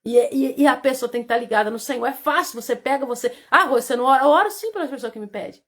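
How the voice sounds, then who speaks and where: Fervent high-voiced Brazilian woman preaching. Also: quick pace. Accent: Brazilian Portuguese. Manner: fervent, swings from hushed to loud exclaiming. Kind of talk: devotional preaching.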